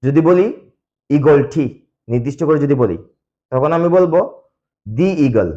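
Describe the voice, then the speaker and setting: A man's voice: fairly high pitch, expressive, measured pace, dark tone, dull audio. A man who speaks Bengali natively, teaching English grammar step by step and answering his own questions. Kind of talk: explaining grammar lesson.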